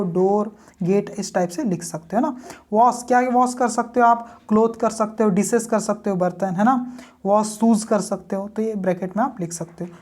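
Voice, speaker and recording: A woman teacher explaining an English school lesson in Hindi. She keeps adding "है ना" and says her English examples slowly. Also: mid-range voice, a little mellow.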